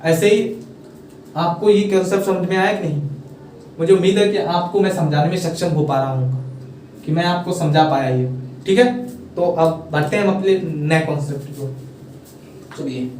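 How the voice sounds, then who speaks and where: A man teaching English pronunciation in a casual classroom style, repeating his questions and urging viewers to comment quickly. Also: a little high, a little mellow, slight background noise. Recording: very echoey room, mic at a distance.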